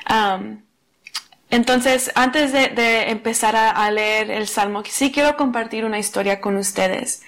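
A young woman preaching a Wednesday service sermon in an earnest, conversational way, with many fillers and restarts, slowing down to read scripture. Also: a little high, a bit bright. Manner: slows to read scripture aloud.

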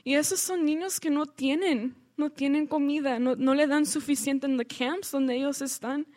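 A woman's voice: high voice, steady tone, normal speed, darkish tone. A woman telling an earnest church testimony in a conversational way, with frequent restarts, in a church. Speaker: church member sharing a testimony.

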